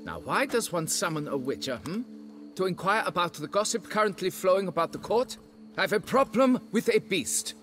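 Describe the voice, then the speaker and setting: In a fantasy role-playing game, a pompous, snobbish middle-aged nobleman who owns a vineyard hires a witcher, looking down on the help and fussing over his title. His mid-range voice swoops about with theatrical, lively pitch at a normal speed, while faint music plays behind him.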